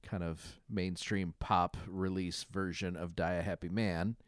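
A man's voice: low voice, fairly even intonation, measured pace, no echo, studio quality. A man co-hosting a podcast, talking in a rambling, hesitant way about music. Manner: rambling, hesitant, lots of fillers and restarts. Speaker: podcast co-host. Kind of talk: casual chat.

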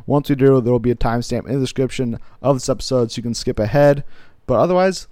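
Quick-talking male podcast host. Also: mid-range voice, warm tone, dry recording, clean studio sound. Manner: quick, upbeat scripted intro then easygoing banter. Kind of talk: casual podcast chat.

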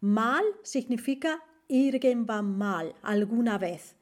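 A woman teaches a podcast language lesson at an unhurried pace. Her voice sits a little high. She spells letters out and repeats each example phrase with care.

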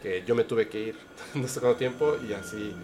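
A man's voice: lowish voice, moderate pace, slight background noise. Man telling stories, casual host. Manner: lively anecdotal storytelling with slang. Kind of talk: casual chat.

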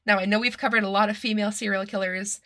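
Still slightly nasal and strained after an illness, this podcast host talks quickly in a mid-range voice with fairly even intonation and a sharp edge. She's a young woman from Massachusetts running a casual true-crime show, chatty and swearing without restraint.

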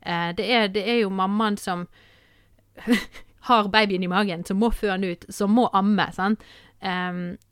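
Woman podcast host, casual rambling chat, smooth, dry. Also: mid-range voice, fairly even intonation, no room sound. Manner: warm, rambling, repeats words and says "sant?" often.

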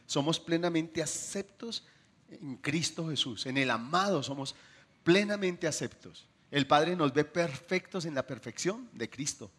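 A man with a fairly high pitch gives a sermon, questioning the people in his congregation. His voice shifts between sudden loud moments and gentle, drawn-out words.

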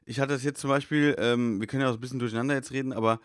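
A man, a stand-up comedian, chatting casually and telling animated anecdotes about his gigs. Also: medium pitch, racing, smooth, dry recording, studio quality. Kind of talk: casual chat.

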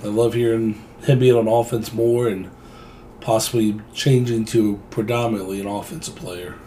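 A man hosting a casual sports podcast, with a raspy voice that sounds under the weather. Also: fairly low pitch, fairly even intonation, normal speed, dark tone, a little hiss or hum. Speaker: podcast host.

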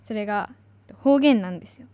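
A woman's voice: medium pitch, a little fast, dark tone, no room sound. A young woman from Kanagawa, an announcing student, giving a chatty free talk with many fillers. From Kanagawa, Japan. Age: young adult.

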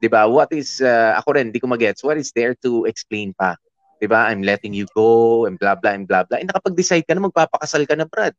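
A man's voice: medium pitch, lively intonation, fairly quick, dry recording, highs cut off. A man hosting an advice show, chatting casually and reading listener comments aloud, with lots of filler sounds and English mixed in, nursing a sore throat. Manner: chatty, filler-heavy, mixes English into Tagalog. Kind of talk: casual chat.

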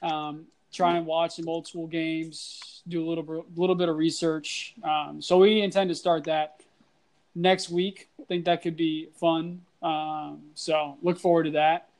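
A man hosting a casual sports chat podcast, his voice a bit hoarse, talking loosely with lots of fillers. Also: a little high, a little slow. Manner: relaxed, filler-heavy. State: slightly hoarse. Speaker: podcast host.

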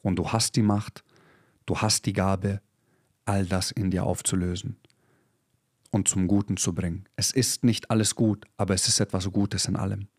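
Brief: thirties male podcast host, low-pitched, fiery motivational preacher, dry close mic. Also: level tone, normal speed, darkish tone, no room sound. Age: 30s. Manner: intense, preachy, swears, drops English phrases. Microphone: podcast microphone.

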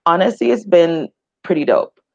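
With a fairly low voice, vocal fry and a very animated delivery at normal speed, a woman from Jamaica chats relaxedly as an interview guest and outdoor group founder, leaning on frequent fillers. The remote audio is dry and slightly dull, with no room sound.

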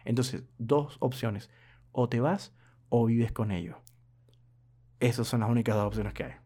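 A young man tells a story straight to his viewers, his voice mellow and warm at a mid pitch. He rambles through it with frequent hesitations and little asides to the audience. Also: a little slow, husky. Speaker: vlogger.

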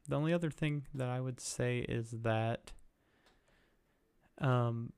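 A man's voice: mid-range voice, creaky, clean tone. A man co-hosting a casual podcast in a laid-back way, often answering with short agreements. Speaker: podcast co-host.

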